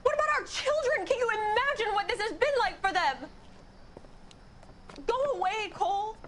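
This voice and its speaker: An actress playing the upset wife of a disgraced detective, cold and reproachful, in a game cutscene. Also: female voice, very high voice, normal speed, a bit bright, slight background noise. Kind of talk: video game cutscene acting.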